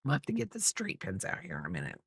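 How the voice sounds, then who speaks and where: Talking fast in a gravelly, slightly rough bass voice with huge pitch swings, a middle-aged woman hosts a crochet chat and counts stitches aloud. She rambles, trails off and repeats herself, all in a dry, clean studio recording.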